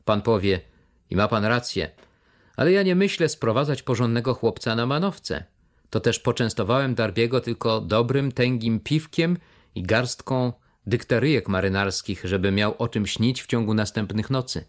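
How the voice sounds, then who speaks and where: A man's voice: mid-range voice, animated, moderate pace, natural voice. A man voicing a wheedling, overly polite one-legged pirate with a crutch, reading an audiobook. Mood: fawning.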